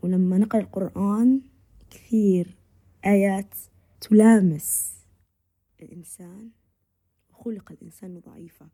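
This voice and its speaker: A woman with a Levantine Arabic accent gives a reflective podcast monologue, speaking gently and often sinking into a soft whisper. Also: medium pitch, fairly even intonation, normal speed, long pauses, slightly rough. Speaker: podcast host.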